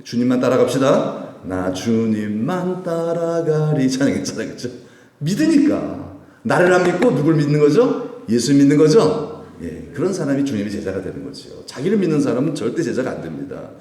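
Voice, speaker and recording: A male pastor preaches in an animated way, his pitch rising and falling as he puts questions to the congregation and then answers them. His voice is mellow and darker in tone. It rings through a church hall with a long reverb. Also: recorded from a distance. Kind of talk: sermon. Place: church sanctuary.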